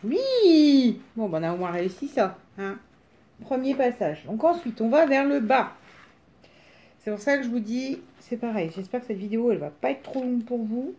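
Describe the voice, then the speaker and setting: A woman with a smoker's rasp chatting casually through a craft demonstration in a rambling, self-deprecating way. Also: fairly high pitch, fairly quick, a little mellow. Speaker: craft tutorial presenter.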